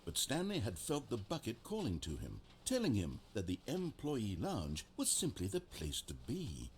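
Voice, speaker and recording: A man playing a wry storybook narrator in a video game, with measured, theatrical scripted delivery. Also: on the low side, wildly swooping pitch, a little hiss or hum.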